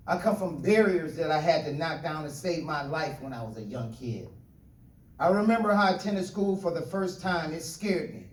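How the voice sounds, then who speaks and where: A man's voice: fairly high pitch, slight background noise. A middle-aged man from Ohio delivering a spoken word speech with a repeating, rhythmic refrain. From Ohio, USA. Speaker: speaker. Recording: echoey room, voice from far off.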